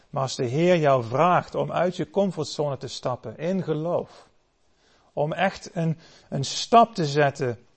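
A man preaching a sermon, telling stories dramatically and swelling loud for the cries he quotes. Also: fairly high pitch.

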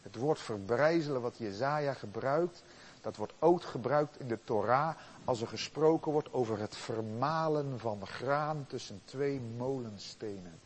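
A man preaching a sermon, slow and solemn, swinging from loud stress to a near-hush. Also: mid-range voice, slight background noise.

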